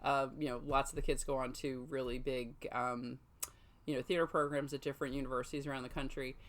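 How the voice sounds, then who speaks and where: Deep-voiced enthusiastic woman in her forties. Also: flat delivery, brisk. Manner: enthusiastic, rambling with fillers. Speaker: podcast co-host. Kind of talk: casual chat.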